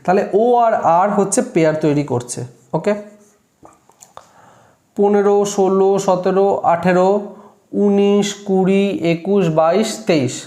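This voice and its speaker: A man's voice: high-pitched, fairly even intonation, a little slow, long pauses, dark tone. A man teaching a class at a board, counting aloud step by step and checking his work. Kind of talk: classroom lesson. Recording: echoey room.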